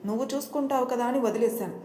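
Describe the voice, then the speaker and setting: A woman voicing a harsh, jealous elder sister who threatens and shouts in an audio story. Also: on the high side, steady tone, fast talker, slight background noise, voice pushed up, lightly acted. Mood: furious. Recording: roomy echo.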